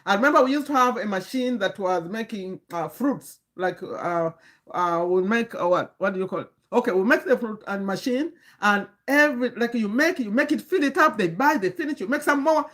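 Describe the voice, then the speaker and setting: This Ugandan livestream host and community coach, a woman in her fifties, addresses her chat in an earnest, lecturing tone. She breaks off to greet viewers and restarts sentences, using a medium-pitched, fairly bright, expressive voice at a moderate pace.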